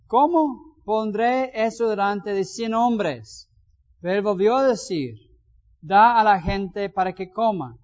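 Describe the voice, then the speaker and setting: A man, a pastor reading scripture aloud and commenting on it with folksy asides. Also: high-pitched. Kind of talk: Bible reading and sermon. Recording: dull lo-fi sound.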